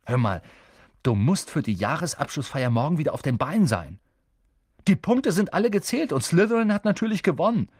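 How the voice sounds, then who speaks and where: Schoolboy sidekick, read by a man, proud and bubbly, husky voice. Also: a little high, a little fast, dry recording, clean studio sound, voice pushed up. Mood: excited. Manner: proud, excited. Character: young boy, cheeky school friend. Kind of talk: audiobook character voice.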